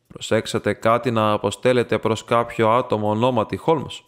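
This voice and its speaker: A man's voice: lowish voice, little pitch movement, clean tone, natural voice. Male reader doing a cranky old academic, curt and hostile, audiobook. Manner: harsh, hostile. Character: irascible old male professor.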